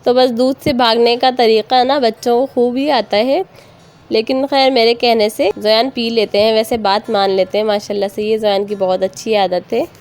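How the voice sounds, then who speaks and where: A woman's voice: fairly high pitch, fairly even intonation, moderate pace. A mother in her thirties with a Pakistani Urdu accent, narrating her family vlog in a friendly storytelling voice. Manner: friendly, storytelling, polite address to viewers. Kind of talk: voice-over narration. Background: soft acoustic guitar music.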